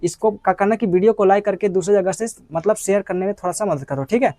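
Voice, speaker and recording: Hindi teacher with a Bihari accent, very dry sound. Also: male voice, high-pitched, fast, dark tone, no echo. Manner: repeats terms often, checks understanding with rhetorical questions. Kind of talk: explaining a grammar lesson.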